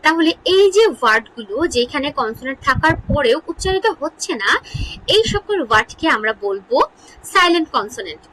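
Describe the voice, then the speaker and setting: Lively high-voiced woman teaching a lesson. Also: a little hiss or hum, rough recording. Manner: asks questions and answers them herself, repeats words slowly. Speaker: English grammar teacher. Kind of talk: online lesson explaining English spelling.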